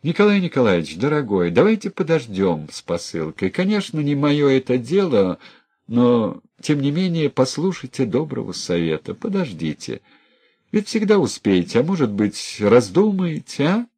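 A man's voice: mid-range voice, very animated, normal speed, darkish tone, husky, pitched above the performer's own voice. A man reading a story aloud and voicing a middle-aged female post office clerk who pleads in a coaxing, well-meaning way.

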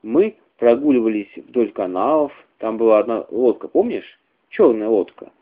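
A man's voice: medium pitch, lively intonation, normal speed, lightly acted. A man voicing a troubled, suspicious young man in a radio reading, brooding and moody. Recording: tinny phone-like radio recording.

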